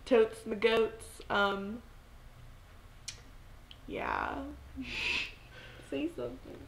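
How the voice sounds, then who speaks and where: A woman's voice: fairly high pitch, wildly swooping pitch, drawn-out words, vocal fry. A woman vlogging in a casual, playful and giggly way with teen slang, recorded in an echoey room. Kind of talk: casual chat.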